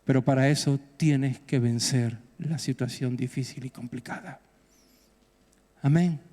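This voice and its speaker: A man's voice: steady tone, measured pace, mellow. A middle-aged man with a Peninsular Spanish accent preaching a fervent, exhorting sermon as pastor. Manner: fervent, exhorting, rising to high bursts. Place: church hall. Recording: echoey church hall.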